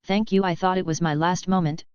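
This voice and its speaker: A man's voice: high voice, fairly even intonation, brisk, smooth, dry recording, muffled recording, natural voice. A woman reading the lines of a frightened male scientist in a pleading way. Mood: urgent.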